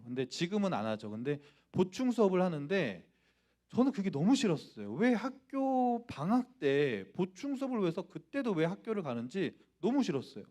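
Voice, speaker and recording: A man's voice: a little high, dark tone. A male pastor from Gangwon Province in Korea preaching a storytelling sermon in church, acting out dialogue and speaking directly to the congregation. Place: church, Friday prayer meeting.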